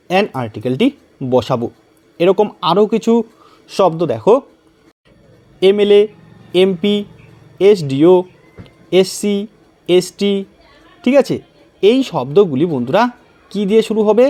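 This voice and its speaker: A man with a high voice teaches an exam-prep lesson. He goes step by step and keeps asking the class questions. He reads each example sentence slowly. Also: darkish tone. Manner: patient, explains step by step with repeated questions.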